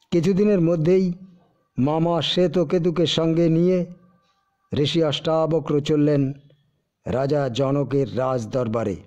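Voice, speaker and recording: A man telling a devotional story in a measured, gentle and emotive way. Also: a little high. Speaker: spiritual storyteller. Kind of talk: slow devotional story narration. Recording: dull lo-fi recording.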